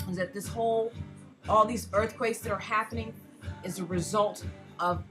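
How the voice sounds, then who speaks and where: American woman ranting frankly over music. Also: medium pitch. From United States. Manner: frank and heavily profane, with emphatic rhetorical questions. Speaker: vlogger, self-described erotic artist. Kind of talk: casual personal rant.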